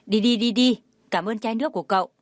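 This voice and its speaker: A woman's voice: fairly high pitch, fast talker, no room sound, studio quality, close to an everyday voice. A woman reading the part of a feisty young student posing as a boy in an audio story, answering back sharply. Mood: retorting. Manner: sharp, retorting.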